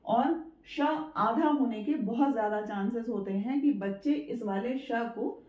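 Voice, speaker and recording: A woman teaching a spoken writing lesson, patiently repeating her points, checking in with listeners and sounding out words slowly syllable by syllable. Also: a little high. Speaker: Hindi teacher. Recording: echoey room, dull lo-fi sound.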